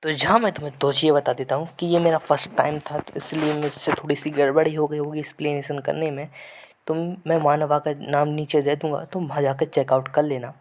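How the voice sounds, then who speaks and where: A man's voice: fairly high pitch, flat delivery, a little fast. A man casually recapping a comic story, often mixing English words into his Hindi speech and rephrasing things as he explains them. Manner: chatty, keeps rephrasing and explaining himself. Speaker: manhwa recap narrator.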